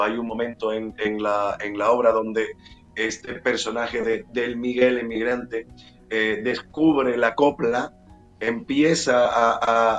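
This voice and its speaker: A man's voice: mid-range voice, fairly bright tone. A middle-aged man from Cuba, an actor and playwright, answering interview questions with many fillers and restarts.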